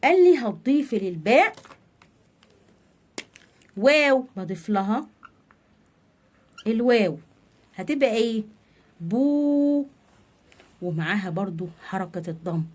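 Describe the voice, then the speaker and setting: A woman with an Egyptian Arabic accent leads a children's reading lesson, drawing sounds out slowly and answering her own questions. Her voice is mid-range with a somewhat dark tone.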